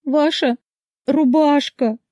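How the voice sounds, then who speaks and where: A weepy young woman, as a storyteller puts her on, her voice high and shaky as she sobs through her words. The tone stays mellow and soft-edged. It sits close and dry, like an audiobook reading. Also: lively intonation, slow pace, no echo. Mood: flustered. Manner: sobbing, high and breathless. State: crying. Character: tearful shaken young woman after a car crash.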